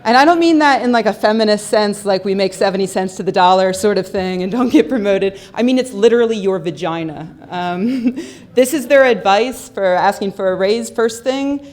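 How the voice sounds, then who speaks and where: On a lecture hall stage, a young woman public speaker delivers a funny, skeptical conference talk into a handheld or stand mic. Her mid-range voice is a little mellow and moderately paced, and she often says um and repeats words.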